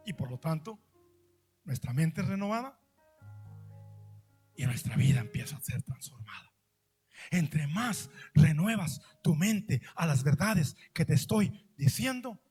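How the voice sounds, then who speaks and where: In this sermon, a man preaches in a high, ringing voice, driving his points home through repetition and questions put to his listeners. He moves between loud, emphatic lines and slow, stretched-out quiet words, while faint instrumental music plays softly in the background.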